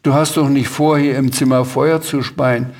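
A man's voice: mid-range voice, little pitch movement, normal speed, a little mellow, lightly acted. A man reading aloud and voicing a cheeky, boastful little creature, the Sams, in a storybook. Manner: boastful, bossy.

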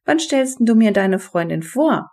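A jovial, teasing uncle, voiced by a woman narrator in a children's audiobook. He sounds hearty and upbeat, with a soft breathy tone. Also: on the high side, animated, moderate pace, pitched above the performer's own voice. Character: jovial adult uncle, chimney sweep, teasing.

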